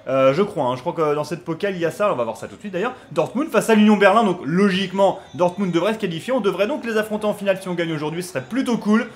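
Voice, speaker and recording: A young man chatting casually over his football video game, filling gaps with hesitations and shouting with excitement at big moments. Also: sits high, quick pace, hardly any pauses. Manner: chatty, lots of fillers, bursts of excited shouting on goals. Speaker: gaming YouTuber. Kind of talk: casual gameplay commentary.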